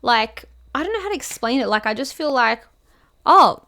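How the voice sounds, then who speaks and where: A woman's voice: high voice, big pitch swings, normal speed, pushed and bright. A woman of thirty co-hosting a podcast in casual chat, giggly and rambling with frequent restarts. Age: 30s. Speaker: podcast co-host.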